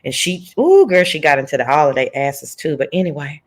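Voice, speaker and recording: A deep-voiced woman hosts a livestream, chatting briskly and casually as she spreads gossip. Her talk is animated, slangy and profane, and she keeps going off on tangents.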